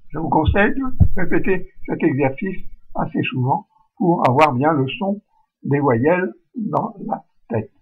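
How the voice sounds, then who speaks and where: A man giving a recorded spelling lesson, slowly modelling vowel sounds aloud. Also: on the high side, lively intonation, breathy edge, poor audio. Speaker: French spelling teacher.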